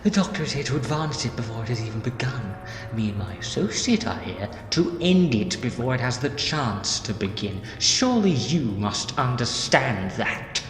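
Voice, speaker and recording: A man's voice: medium pitch, animated, normal speed, lightly acted. A man playing a bitter, decayed villainous mastermind in a fan audio drama, grandiose, persuasive and menacing. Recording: echoey hall, clear music behind.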